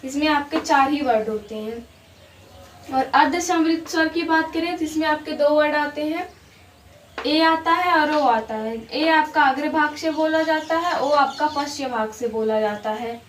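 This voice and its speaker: A woman with a high voice teaches a grammar lesson, patiently repeating her examples and checking that her students follow. She sounds a little distant from the mic in an echoey room with a faint hiss behind her. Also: measured pace. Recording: roomy, distant mic with faint background noise.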